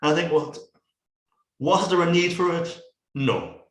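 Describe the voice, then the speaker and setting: This middle-aged Dutch guest, from the Netherlands, has a voice on the high side, animated and unhurried. Talking through a headset on a video call in a casual chat, he frequently restarts and repeats words, with the audio echoing roomily.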